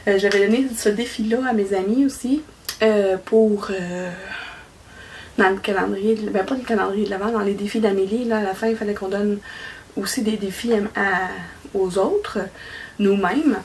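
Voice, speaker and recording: A woman's voice: mid-range voice, a little mellow. A woman from Quebec with a Québécois accent, chatting casually as a cross-stitch vlogger, rambling and laughing often. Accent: Québécois French. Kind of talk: casual chat. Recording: voice a bit far from mic, faint noise.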